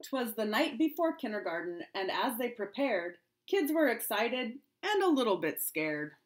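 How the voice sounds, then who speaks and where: A middle-aged woman, a kindergarten teacher, reading a rhyming picture book aloud to children in an expressive, sing-song storytelling way. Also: on the high side, normal speed. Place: small home room indoors.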